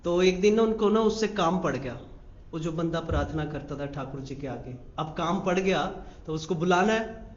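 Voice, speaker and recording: Male monk preacher, animated storyteller, high voice, roomy room sound. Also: moderate pace. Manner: animated storytelling, acts out quotes. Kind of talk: Hindi devotional sermon with storytelling. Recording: roomy, slightly dull recording.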